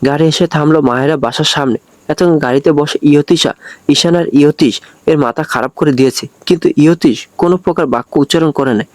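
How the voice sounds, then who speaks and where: A man narrates a scripted story with steady delivery. His voice is fairly high. The recording is dry and close, with little room sound. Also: a little fast, no room sound.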